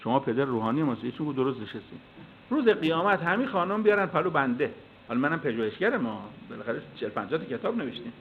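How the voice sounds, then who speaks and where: A man's voice: mid-range voice, a little hiss or hum. A male cleric giving a sermon, telling stories and acting out the dialogue in them. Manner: storytelling with acted dialogue, animated. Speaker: cleric and preacher. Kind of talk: sermon with anecdotes. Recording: tinny phone-like sound.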